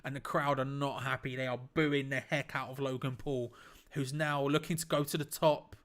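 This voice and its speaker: A man streaming a live watch-along, giving casual, excitable play-by-play on a wrestling match and bursting out at big moves. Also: medium pitch, normal speed. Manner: casual, blunt, swears lightly. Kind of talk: live play-by-play reaction commentary.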